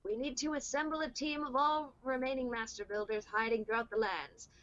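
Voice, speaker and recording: A woman's voice: high-pitched, steady tone, brisk, a bit bright, no room sound, muffled recording. A woman reading the lines of a wise old male wizard mentor in a casual script read-through, in her own voice. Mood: earnest.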